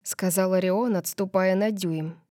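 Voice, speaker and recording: Casting: female audiobook narrator, first-person story, expressive reads, dry booth sound. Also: mid-range voice, measured pace, no room sound.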